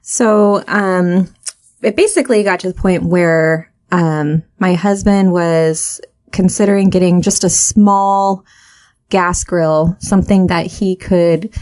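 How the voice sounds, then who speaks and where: A woman's voice: fairly low pitch, slow, darkish tone. Rambling woman telling a story. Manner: rambling, many fillers and restarts. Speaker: podcast co-host. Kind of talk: casual storytelling chat.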